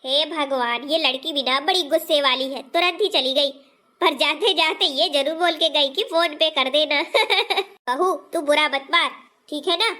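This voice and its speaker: A woman's voice: high voice, measured pace, pushed and bright. A woman doing a bossy older mother-in-law. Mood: soothing. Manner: scolding, exclaiming, then soothing. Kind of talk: cartoon family story voice acting.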